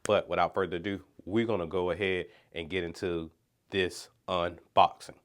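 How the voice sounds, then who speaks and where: A man's voice: low-pitched, flat delivery, moderate pace. A congested man, talking through his nose, who hosts a fishing channel and rambles chattily through a casual unboxing vlog.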